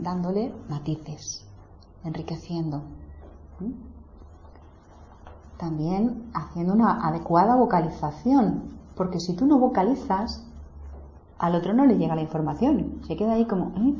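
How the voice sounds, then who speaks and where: A woman guides a small circle of students, calm and explanatory. Her voice is mellow and dark. The recording is roomy and a little dull, with faint hiss behind. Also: on the low side. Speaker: meditation teacher. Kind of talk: teaching a small group. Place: room with people seated in a small circle.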